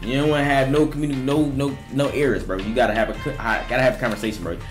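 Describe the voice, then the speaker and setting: A man's voice: mid-range voice, fairly even intonation, very fast, faint music behind. A young man chatting casually on a livestream in a crude, jokey, slangy frat-bro manner, emphatic and repeating himself. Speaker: streamer reacting to viewer confessions.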